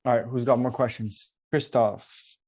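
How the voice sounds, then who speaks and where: A man's voice: medium pitch, steady tone, unhurried, a little mellow, breathy edge. A man acting as a business coach on a video call, giving casual, direct advice.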